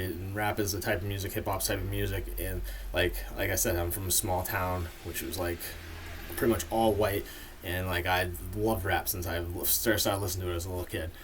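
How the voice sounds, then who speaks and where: A man in a casual, rambling monologue full of fillers, giving his opinions as the host of a ranking video. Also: fairly low pitch.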